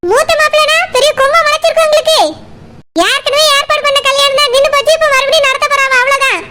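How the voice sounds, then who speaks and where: Woman doing a shrill scolding cartoon wife. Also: level tone, pushed and bright, a little hiss or hum. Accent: Kanyakumari Tamil. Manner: scolding, fast, exasperated. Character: sharp-tongued village wife scolding her drunk husband.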